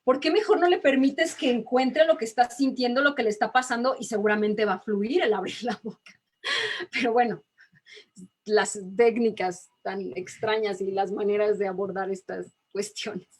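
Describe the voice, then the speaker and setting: A woman voice teacher, talking emphatically in a relaxed interview and laughing often. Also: a little high, normal speed, husky. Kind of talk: casual video-call interview.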